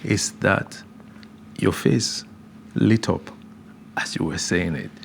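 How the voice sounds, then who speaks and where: A male interview host with a low, gravelly voice keeps the talk going and affirms his guest often. He sounds attentive and engaged. Faint background noise sits behind him. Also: takes it slowly. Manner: frequent affirming backchannels, attentive. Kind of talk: conversational interview.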